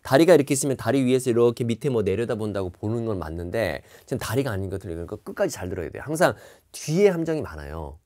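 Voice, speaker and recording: A man's voice: lowish voice, expressive, fast talker, few pauses, warm tone. A man teaching TOEIC listening in an online lecture, explaining each answer and repeating key words.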